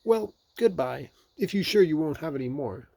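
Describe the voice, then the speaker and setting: Guy doing a fussy prim rabbit for a kids story, really high pitched, cautious, lively swoops. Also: normal speed, creaky, no echo. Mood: polite, prim. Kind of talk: children's storybook character voice.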